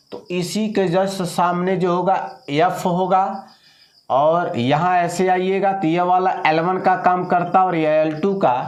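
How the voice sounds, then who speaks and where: A man teaching a math lesson, asking questions and answering them himself, repeating the numbers as he works through a problem. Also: high voice.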